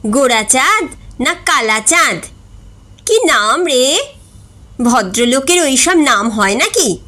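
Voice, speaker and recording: A woman reading a storybook voices a rude young bride-to-be who scolds and mocks in a sharp-tongued way. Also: sits high, heavily acted.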